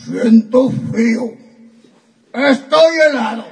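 A man's voice: very high voice, takes it slowly, vocal fry, darkish tone, distant mic, slight background noise, exaggerated voice. A man playing a soaked, lovelorn young suitor who speaks in grandiloquent, mock-heroic verse. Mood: declaiming.

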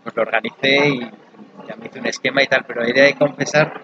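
A man's voice: medium pitch, steady tone, fairly quick, highs cut off, noisy background. A man from Madrid with a Madrid Spanish accent, a novelist guest who talks thoughtfully and enthusiastically about his book. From Madrid, Spain. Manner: thoughtful, enthusiastic, explains at length. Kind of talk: conversational interview.

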